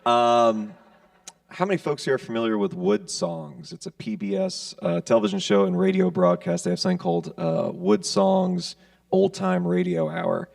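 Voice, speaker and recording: At a church service, a man makes a casual community announcement peppered with "uh" and "um." His voice is high, animated, and darkish, with vocal fry and a moderate pace. Recorded dry in the sanctuary from a distance, it has no room sound.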